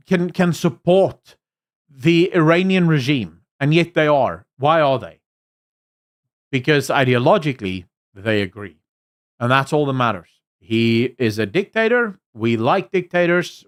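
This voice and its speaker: A young South African man with a slightly high voice hosts a casual livestream, reading chat messages out loud. His Afrikaans accent has been softened by American and British influences, and he gives emphatic opinions full of fillers and restarts.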